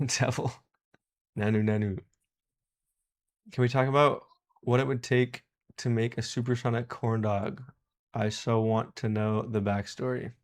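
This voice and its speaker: Male host, mid-pitched, easygoing live-stream chatter at a repair bench, laughs a lot and reads out viewer messages. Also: little pitch movement, normal speed. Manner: chatty, laughs often, greets and thanks viewers. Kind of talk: casual live-stream chat while soldering.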